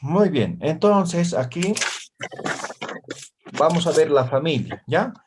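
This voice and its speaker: A man teaching a language class over a video call, slowly repeating words and checking in with his students. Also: on the high side, animated, background noise. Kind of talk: online class teaching vocabulary.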